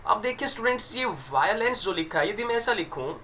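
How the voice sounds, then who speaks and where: Guy teaching english, bright sharp voice, slow careful reading, keeps fixing pronunciation. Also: sits high, big pitch swings, slight background noise. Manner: explains English lines in Hindi, stresses pronunciation. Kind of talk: classroom lesson explaining a poem.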